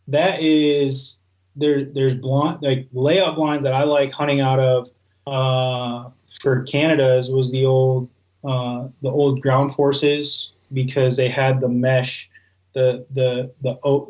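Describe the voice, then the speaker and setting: Flat-toned man chatting casually, slightly dull sound. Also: medium pitch. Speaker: guest, goose calling expert. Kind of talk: casual interview talk.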